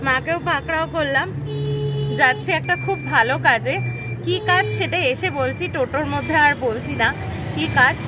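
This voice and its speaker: A woman vlogging casually, chatting and explaining things to her viewers with frequent fillers. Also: high voice. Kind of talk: casual vlog narration.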